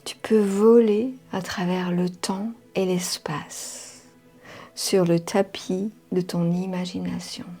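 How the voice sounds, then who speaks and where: A woman leading a guided meditation in a soft, half-whispered voice, soothing, with drawn-out phrases and long pauses. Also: fairly low pitch, little pitch movement, slightly rough. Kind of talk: slow guided hypnotic meditation. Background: music.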